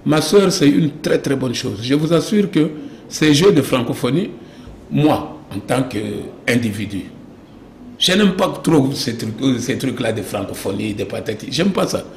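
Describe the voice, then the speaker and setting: In an echoey space with clear background noise, a Congolese man with a Congolese French accent talks insistently as a political interview guest. He repeats phrases and poses rhetorical questions in an animated, mid-range voice at a measured pace.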